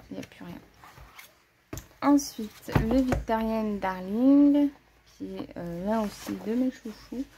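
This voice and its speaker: Background noise sits under this woman's mid-range voice as she walks the camera through her coloring-book collection. Chatty and casual, she thinks aloud, fixes her own wording, and fills gaps with hesitations and "voilà."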